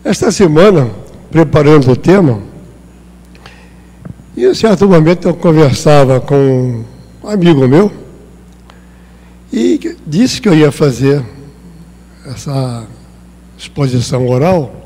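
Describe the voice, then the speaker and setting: A Brazilian man giving a spiritist lecture in a hall with long reverb. His voice sits fairly high but sounds mellow and dark. He talks in a conversational way and acts out small exchanges. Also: lively intonation, takes it slowly, pauses often. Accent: Brazilian Portuguese. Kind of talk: spiritist talk.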